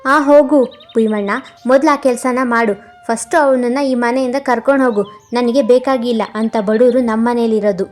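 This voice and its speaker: A woman's voice: fairly high pitch, steady tone, normal speed, a little mellow, lightly acted. A woman voicing a haughty rich wife in a cartoon, bossy and scornful toward the poor.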